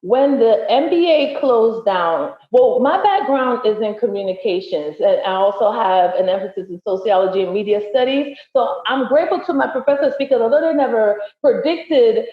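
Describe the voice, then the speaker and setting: Articulate, emphatic woman guest; higher pitch; echoey room, dull lo-fi audio. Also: animated, moderate pace, hardly any pauses. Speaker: podcast guest, entertainer. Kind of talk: casual interview chat.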